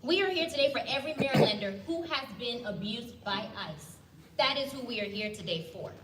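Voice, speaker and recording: A woman with a fairly high voice rallies a crowd, trading calls and answers with them. Her voice carries through an echoey hall, heard from some distance. A noisy background sits behind her. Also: lively intonation, a little fast. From Ghana. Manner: rousing, call-and-response with the crowd. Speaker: rally speaker, legal director. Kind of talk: rally speech. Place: indoor hall at a rally.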